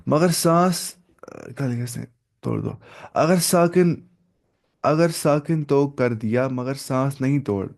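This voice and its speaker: Gravelly-voiced man teaching a recitation lesson. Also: mid-range voice, darkish tone. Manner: repeats points, mixes in English words. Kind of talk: explanatory lesson.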